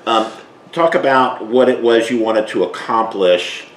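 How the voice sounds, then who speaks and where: A man hosting an interview, asking long questions in a relaxed way with plenty of fillers. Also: medium pitch, a little slow. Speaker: host. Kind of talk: casual interview. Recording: echoey room with faint noise.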